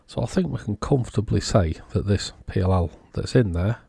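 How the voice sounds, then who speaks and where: A man giving casual, unhurried technical commentary, thinking aloud as he inspects a circuit board. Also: lowish voice, animated, vocal fry, mellow, husky, no echo, clean studio sound. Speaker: electronics repair vlogger.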